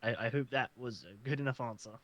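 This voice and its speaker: An earnest man answers interview questions, stumbling and restarting as he goes. His voice sits at a middle pitch. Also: brisk, fairly bright tone, lo-fi sound. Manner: hesitant, stammering, earnest. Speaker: job applicant. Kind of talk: casual roleplay interview.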